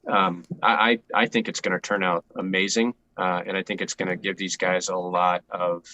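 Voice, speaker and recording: A man's voice: deep voice, little pitch movement, moderate pace, pushed and bright, dry recording, rough recording. A man, a guest on a film project, talks hesitantly in casual livestream chat and restarts often.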